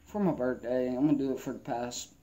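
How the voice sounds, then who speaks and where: A man's voice: mid-range voice, fast talker, warm tone. A young man chatting casually in a rambling vlog, his speech slightly muffled by a lip full of dipping tobacco. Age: young adult. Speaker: vlogger. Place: mostly inside a wooden garage or shed with an open door. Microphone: camera at arm's length.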